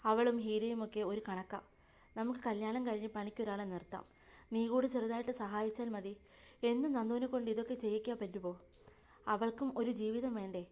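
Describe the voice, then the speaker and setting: A woman voicing a practical, caring middle-aged mother in a read-aloud romance story, giving advice in a gentle way. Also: on the high side, fairly even intonation, moderate pace, natural voice. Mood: advising.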